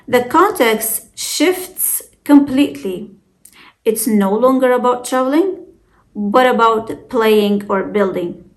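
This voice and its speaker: Woman, Arabic teacher, slow deliberate pace, careful explanation. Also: fairly high pitch. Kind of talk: scripted lesson narration.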